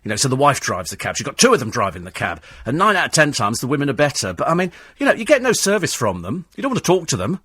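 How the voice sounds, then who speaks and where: Man, radio host, sarcastic rant, lively swooping pitch, slightly husky, dry studio sound. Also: quick pace, few pauses, no echo. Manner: sarcastic, mocks cabbies in put-on voices. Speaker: radio talk show host. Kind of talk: ranting talk radio monologue.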